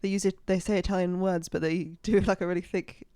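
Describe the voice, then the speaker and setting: A young woman co-hosting a casual podcast, soft-spoken and trailing off, often giggling. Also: lowish voice, flat delivery, brisk, no room sound, studio quality. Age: young adult. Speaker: podcast co-host. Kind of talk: casual chat.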